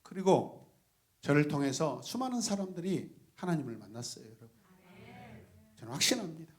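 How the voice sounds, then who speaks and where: A man preaching with a slightly high voice that swoops up and down constantly. He moves from quiet, confiding asides to loud cries, talking straight to the people in front of him. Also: normal speed. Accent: Gwangju. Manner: animated, bursts into shouting and laughter, addresses congregation directly. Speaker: pastor. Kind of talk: sermon.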